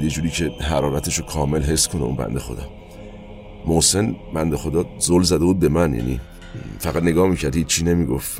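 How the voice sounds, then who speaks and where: Very deep-voiced man recalling his past. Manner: colloquial, with halting asides and trailing fillers. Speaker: narrator recounting his own past. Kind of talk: first-person spoken recollection.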